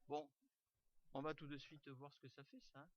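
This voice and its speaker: A man's voice: a little high, level tone, moderate pace, muffled recording, a little hiss or hum. A man teaching an online class, talking informally with lots of fillers and restarts over a computer mic. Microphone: computer mic on a video call.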